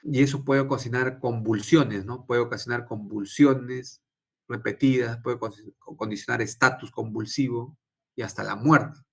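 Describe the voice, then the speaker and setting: A man's voice: medium pitch, fairly even intonation, normal speed, creaky, a bit bright, slightly rough. Lecturing man tagging lines with "¿no?". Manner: quizzes students, tags many phrases with "¿no?". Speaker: physiology lecturer and intensive care doctor. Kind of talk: informal lecture with personal anecdote.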